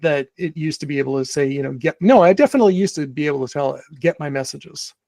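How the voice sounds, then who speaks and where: Gravelly higher-voiced male podcast host. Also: fast talker, a little mellow, dry recording. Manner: rambling, many restarts and fillers. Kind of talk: casual chat.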